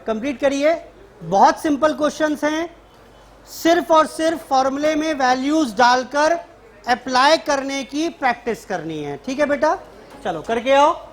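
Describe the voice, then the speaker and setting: High-voiced joking math teacher. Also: male voice, animated, measured pace. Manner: casual, joking teacher who calls students beta. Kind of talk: classroom math lecture. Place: classroom.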